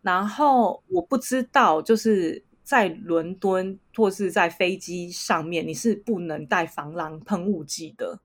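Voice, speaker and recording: A young woman with a Taiwanese Mandarin accent, co-hosting a podcast and telling a travel story in casual, animated chat. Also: lowish voice, measured pace, hardly any pauses. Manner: animated, laughs often while telling stories. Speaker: podcast co-host.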